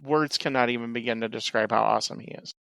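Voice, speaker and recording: A man's voice: medium pitch, fairly even intonation, fast, gravelly, a bit bright, no room sound. A man co-hosting a movie review podcast, emphatic and stammering through restarts in casual chat. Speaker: podcast co-host.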